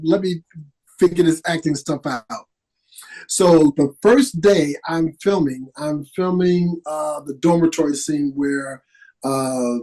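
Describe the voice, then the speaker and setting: A middle-aged man, an actor, telling stories in an animated, casual way as a podcast guest. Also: fairly high pitch, low-quality recording. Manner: animated, lively storyteller with restarts. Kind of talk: casual interview storytelling.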